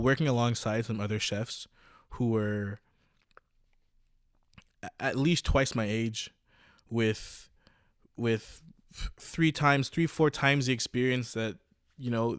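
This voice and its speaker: Here a man in his twenties who hosts a podcast recounts his personal story in a relaxed, stop-start way, often restarting and using fillers. His voice is on the low side, and the studio-quality audio has no room sound.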